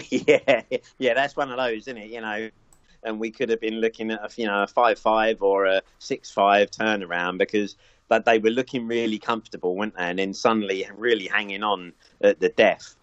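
Man, very low voice, dry close sound, casual football pundit, halting fillers. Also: steady tone, a bit bright, no room sound. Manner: thoughtful, many fillers and restarts. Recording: dull lo-fi audio.

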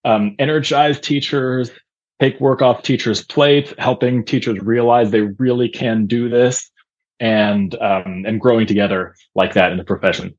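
Man from Austria, husky voice, muffled lo-fi call audio, thoughtful teacher guest. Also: mid-range voice, fairly even intonation, measured pace. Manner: thoughtful, with frequent uh fillers. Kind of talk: casual interview chat.

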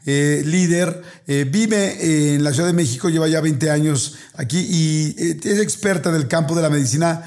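A man hosting a casual podcast, his voice a touch higher than most men's. He greets his listeners in a cheerful, sing-song manner and introduces guests with easy enthusiasm. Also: normal speed, darkish tone. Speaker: podcast host. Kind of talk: casual chat.

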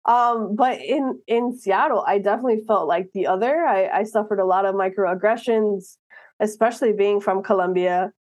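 An earnest woman in her thirties from Miami, talking as an interview guest. She speaks in an animated way and keeps restarting her phrases. The recording is dry and close. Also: mid-range voice, moderate pace, dry recording. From Miami, United States. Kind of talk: casual interview conversation.

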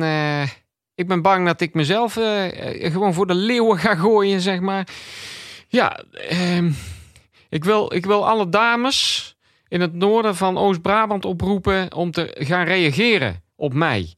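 A man playing a nervous small-town radio host who hosts a dating segment and talks haltingly, full of fillers. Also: sits high, fairly bright tone, dry recording, clean studio sound, pitched above the performer's own voice.

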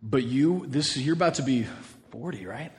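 A man's voice: mid-range voice, animated, normal speed, darkish tone, big-room sound. A man, a pastor speaking energetically to his congregation and introducing a guest. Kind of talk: sermon-time interview.

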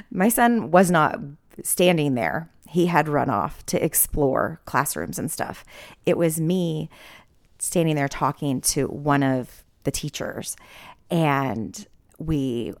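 Low, gravelly-voiced woman telling a story. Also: darkish tone, no room sound. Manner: emotional, laughing, breaking into whispers. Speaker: podcast host. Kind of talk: casual personal storytelling.

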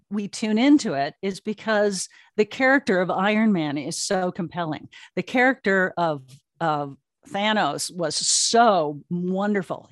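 Recorded in clean, dry studio sound, this mid-range female voice belongs to an interview guest who co-founded an audio drama platform. She chats conversationally and tells stories, repeating points for emphasis.

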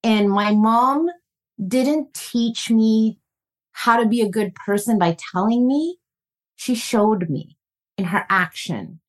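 Speaking slowly in a fairly high voice, a woman relationship coach recounts family stories during a podcast interview. Her manner is earnest and reflective, with warm laughs, and she's from a Filipino family raised in North America.

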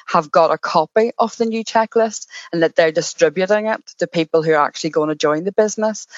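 A woman's voice: sits low, no room sound. Brief: female panel expert, practical advice, dry dull sound. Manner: practical, advising tone. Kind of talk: explanatory panel talk.

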